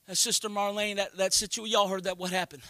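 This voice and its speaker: A man preaching as senior pastor. He moves from hushed talk to shouted passages and repeats amen and hallelujah. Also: high voice, little pitch movement, brisk, no room sound. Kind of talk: Pentecostal preaching.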